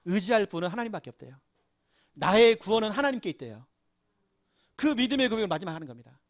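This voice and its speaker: A man's voice: high voice, very animated, fast, no room sound, studio quality. A middle-aged male pastor giving an emotional sermon, pleading and crying out in prayer. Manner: emotional, pleading, rising to loud cries.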